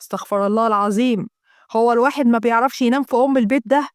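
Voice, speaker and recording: A grumpy, sleepy young husband with an Egyptian accent, voiced by a woman. He grumbles in quick bursts, heard in a dry, close recording. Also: fairly high pitch, no echo, lightly acted. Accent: Egyptian Arabic.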